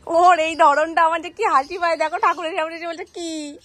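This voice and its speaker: A woman's voice: very high-pitched, steady tone, a little fast, a bit bright, slight background noise. A young woman with a West Bengal Bengali accent, chatting casually to her viewers at home while coaxing her toddler. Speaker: vlogger and mother. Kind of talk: casual home vlog narration. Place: home, indoors and garden.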